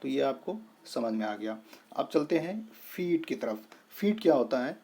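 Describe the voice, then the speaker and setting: A man teaching a lesson, explaining terms step by step, splitting words slowly and often checking that the listener follows. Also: medium pitch, very animated, creaky, warm tone, slightly rough. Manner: repeats "thik hai" to check understanding. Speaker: English tutor.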